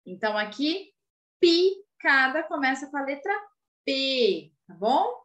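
A woman's voice: sits high, very animated, takes it slowly, a bit bright. A woman teacher with a Brazilian Portuguese accent giving a video lesson to children, patiently spelling out and repeating words and checking that the class follows. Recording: roomy echo.

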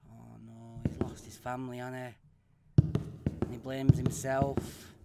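A man's voice: medium pitch, little pitch movement, a little slow, vocal fry. A man commenting on a horror game he is playing, swearing often, shrieking when startled and reading on-screen text aloud. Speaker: let's play gamer. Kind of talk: let's play commentary. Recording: loud noise behind voice.

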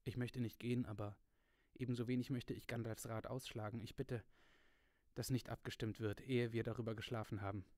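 A man reading aloud voices a small male hobbit, speaking quietly and hesitantly. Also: medium pitch, little pitch movement, brisk, no echo, studio quality, lightly acted.

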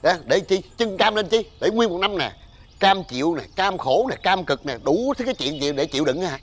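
Grumpy superstitious old father, blustering rants, slightly high voice. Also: expressive, brisk. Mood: scolding. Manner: scolding, blustering, loud rants. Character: irritable superstitious old father, Tết-obsessed. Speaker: older father of the household. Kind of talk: TV sitcom acting.

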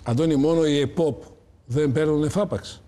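A man's voice: a little high, dark tone. A man co-hosting a political talk show, chiming in with short remarks and questions. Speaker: co-host. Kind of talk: casual political chat.

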